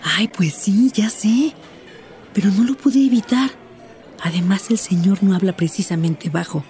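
Mexican lady explaining stuff, earnest, soft warm voice. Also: mid-range voice, unhurried, faint music behind. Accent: Mexican Spanish. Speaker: character Patty in a teaching dialogue. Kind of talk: scripted dialogue scene.

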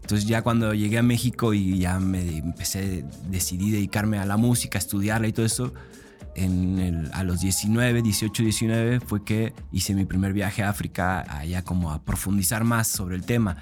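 A middle-aged man, born in Argentina and raised in Mexico, telling his story as a musician guest in a radio interview, relaxed and a bit hesitant. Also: lowish voice, moderate pace, faint music behind. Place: radio booth. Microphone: studio microphone.

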